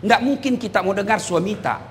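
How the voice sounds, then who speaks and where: A middle-aged man preaching a humorous sermon with a Makassarese Indonesian accent, teasing and animated, rising to shouts. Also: high voice, brisk, slight background noise. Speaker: Islamic preacher.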